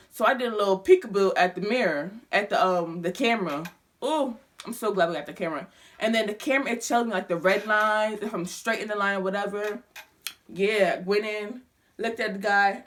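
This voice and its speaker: A nineteen-year-old woman vlogger telling a story in casual, slangy chat, animated and talking straight to her viewers. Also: on the high side.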